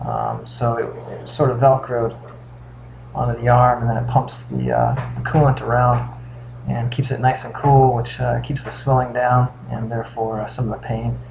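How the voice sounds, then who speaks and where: A man giving a casual, halting video update as a patient, sounding weak and drained the day after surgery. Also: medium pitch, lively intonation, gravelly. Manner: halting, pausing often mid-thought. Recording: dull lo-fi sound with faint hum.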